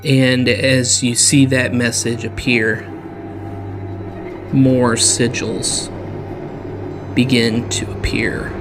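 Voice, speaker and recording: A man narrating a tabletop game as dungeon master in a slow, deliberate storytelling manner. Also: mid-range voice, flat delivery, over music.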